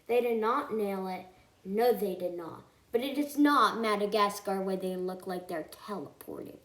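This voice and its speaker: A woman's voice: mid-range voice, moderate pace, fairly bright tone. A woman reviewing a film in a scripted voice-over. She talks earnestly and emphatically and often stops to correct herself. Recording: echoey room.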